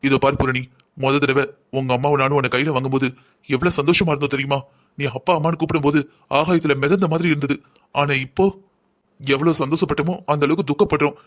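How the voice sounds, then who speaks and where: A man's voice: on the high side, little pitch movement, fast talker, lightly acted. Man voicing a stern, lecturing father. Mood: bitter. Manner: lecturing, bitter. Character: stern, disappointed middle-aged father. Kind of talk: Tamil cartoon voice acting.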